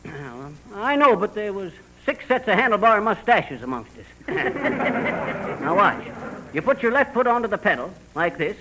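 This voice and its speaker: In a 1940s radio comedy, an actor plays a boastful, bumbling middle-aged man who brags in a folksy, slangy, cocky way with chuckles. The voice is high, exaggerated, very animated, bright and forceful, at a measured pace, on a noisy vintage 1940s radio recording.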